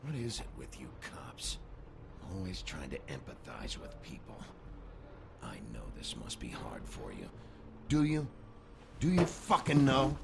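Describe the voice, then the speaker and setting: Bigby, a very deep gravelly sheriff. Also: male voice, huge pitch swings, a little slow, background noise, heavily acted. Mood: angry. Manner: sardonic, confrontational, swearing. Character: gruff, bitter male sheriff under arrest, short-tempered. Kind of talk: video game acting.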